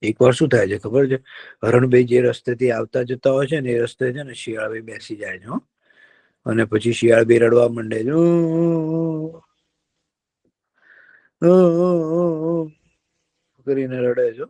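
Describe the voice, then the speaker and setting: A man telling a folk tale to children in a lively, drawn-out, engaging way. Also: mid-range voice, husky. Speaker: storyteller for children. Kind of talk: children's storytelling.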